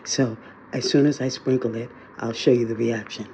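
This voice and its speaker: Holding her phone as she films, this woman talks to viewers in a chatty, filler-heavy day-in-the-life vlog. Her very deep, dark voice keeps a steady tone at normal speed, and the recording is muffled with a little hiss or hum.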